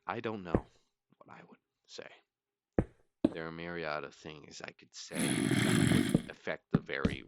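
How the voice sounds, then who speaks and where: Weary man, very low creaky voice, slow and brooding solo ramble, clearly noisy recording with clicks. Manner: weary, halting and brooding, trailing off. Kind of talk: late-night rambling solo monologue.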